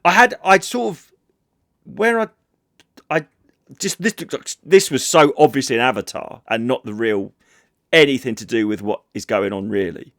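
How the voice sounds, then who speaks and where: A podcast host talks in a loose, rambling way, swearing and abandoning sentences halfway through. His voice sits at an ordinary middle pitch. The recording is close and dry, with no room sound. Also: normal speed, no room sound. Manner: rambling, animated, swearing, trailing off mid-sentence. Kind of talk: casual chat.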